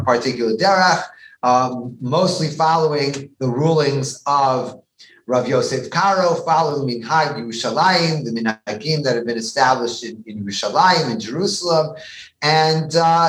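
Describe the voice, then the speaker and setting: A male rabbi speaks in a mid-pitched voice, emphatic and explanatory, often repeating a word before pressing on with his point. His voice carries a noticeable room echo, with a faint hiss of background noise underneath. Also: a bit bright. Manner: emphatic, with frequent restarts and repeated words. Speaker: rabbi, guest. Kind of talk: conversational explanation on a podcast.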